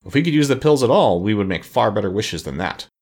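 A man's voice: fairly low pitch, sing-song, fast, vocal fry, darkish tone, slightly rough, exaggerated voice. A man voicing a curious, fretful straw scarecrow in a storybook reading.

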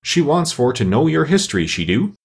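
An offhand storybook griffin, voiced by a man, colloquial and dismissive. The delivery is animated and slightly rough, with an uneducated manner. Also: on the high side, a little fast, pitched above the performer's own voice, exaggerated voice. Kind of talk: storybook character reading.

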